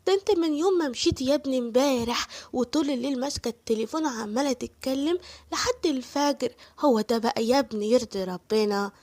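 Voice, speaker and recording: A woman's voice: high voice, quick pace, a little mellow. A woman voicing a nagging, scheming older Egyptian mother-in-law who scolds and accuses her son. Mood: scolding. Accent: Egyptian Arabic.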